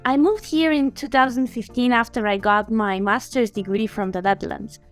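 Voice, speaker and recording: Woman in her 30s, chatty and lively, kinda high voice, laughs a lot, video call. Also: moderate pace, soft background music. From Bulgaria. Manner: animated and chatty, laughs often. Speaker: guest, sanctions compliance specialist. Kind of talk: interview answers.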